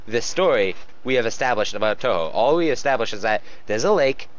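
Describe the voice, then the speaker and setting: Reading fan fiction aloud to mock it, a man talks briskly in an expressive, medium-pitched voice. He trips over lines and frequently laughs. The home recording is dull and lo-fi.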